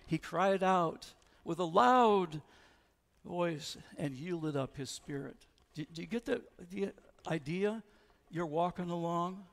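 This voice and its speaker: Male pastor, sermon, conversational, high and gravelly, long church echo. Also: slow, a bit bright. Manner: conversational, asks the congregation questions. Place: church sanctuary.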